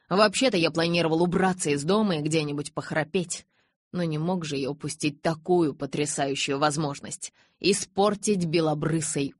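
Low-voiced woman reading an audiobook. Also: dry recording, studio quality. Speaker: audiobook reader. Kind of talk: first-person audiobook narration.

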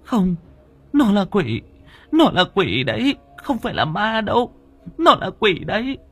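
A man voicing a terrified young woman who seems possessed, pleading in a high, trembling, hysterical voice in a storybook reading. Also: big pitch swings, fairly quick, bright, forceful tone, faint music behind, full character voice. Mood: frantic.

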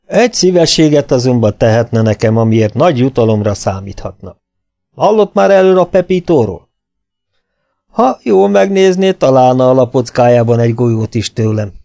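A man's voice: medium pitch, dark tone, close to an everyday voice. A man voicing a cordial older British army colonel in a read-aloud story.

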